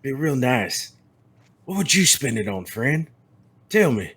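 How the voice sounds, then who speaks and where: A man voicing a menacing vampire biker who speaks in a slow, threatening drawl. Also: medium pitch, very animated, a bit bright, breathy edge, voice pushed up, exaggerated voice. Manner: slow drawl, calls people friend and son.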